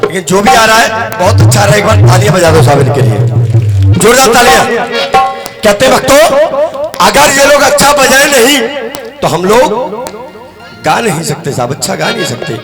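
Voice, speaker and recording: High-voiced man rousing a devotional crowd. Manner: playful, crowd-rousing, calls for applause and chants. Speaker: devotional night-vigil singer and stage compere. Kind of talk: comic stage storytelling between hymns. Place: outdoor village religious gathering stage. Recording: loud live band music behind.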